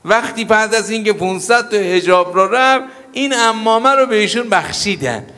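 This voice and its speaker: A man preaching an ethics sermon as a cleric, telling stories with loud emphatic peaks and low murmurs. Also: long reverb tail. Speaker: cleric giving an ethics lecture.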